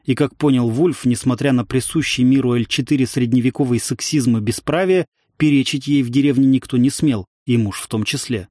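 A man reading a fantasy adventure story aloud in an even, measured narrating voice. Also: mid-range voice, no echo, clean studio sound. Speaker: audiobook narrator. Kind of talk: scripted narration.

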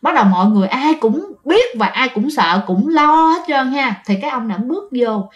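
A woman's voice: high-pitched, lively intonation, fairly quick, dull audio. A woman with a Southern Vietnamese accent telling a ghost story in a chatty way, often speaking straight to her listeners. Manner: chatty, addresses listeners directly. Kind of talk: spoken ghost-story narration.

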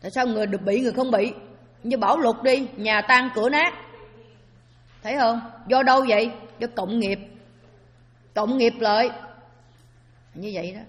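A woman's voice: a little high, moderate pace, pauses often, a bit bright. A woman giving a Buddhist Dharma talk as a sermon, often asking her listeners rhetorical questions. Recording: long hall reverb.

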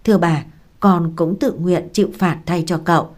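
A woman voices a loyal young manservant in an audiobook. He speaks with deep deference, in a lowish voice. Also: fairly even intonation, normal speed, lightly acted. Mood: deferential. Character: young male servant, loyal and respectful.

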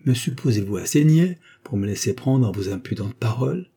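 A man's voice: mid-range voice, expressive, brisk, vocal fry, warm tone, husky. A man reading an audiobook, voicing a young officer who speaks with cutting irony. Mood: scornful. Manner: ironic, cutting. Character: young male officer, scornful and angry.

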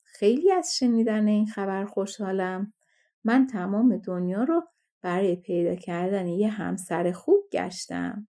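A woman voicing a boastful, scornful yellow dwarf man in a fairy-tale audiobook. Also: medium pitch, lightly acted. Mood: mocking. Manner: mocking, self-satisfied.

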